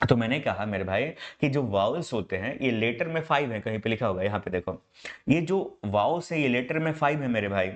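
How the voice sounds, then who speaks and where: In an online Hindi lecture, an expressive man with a mid-range voice explains English grammar step by step, speaking a little fast in an Indian English accent. He calls students "my brother" and asks them rhetorical questions.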